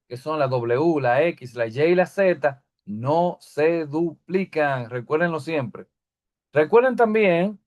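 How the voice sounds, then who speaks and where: A man explaining English grammar step by step, slowing down to read example sentences. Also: fairly high pitch, darkish tone. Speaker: English teacher. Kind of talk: recorded grammar lesson.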